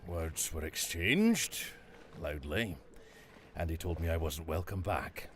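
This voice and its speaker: Crab McCready, boastful Scottish ferry captain. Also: male voice, sits low, expressive, takes it slowly, a little hiss or hum. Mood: grumbling. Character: boastful Scottish ferry captain, bird-loving, brash man. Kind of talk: voiced game dialogue.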